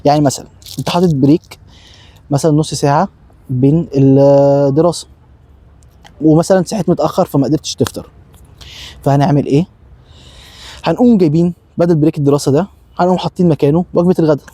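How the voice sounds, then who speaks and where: A man's voice: fairly high pitch, fairly even intonation, quick pace, long pauses, warm tone, slightly rough, no room sound. A young man with an Egyptian accent gives a casual step-by-step lesson. He asks himself questions and answers them, and often repeats short phrases. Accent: Egyptian Arabic. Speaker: self-help video host. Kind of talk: casual instructional talk.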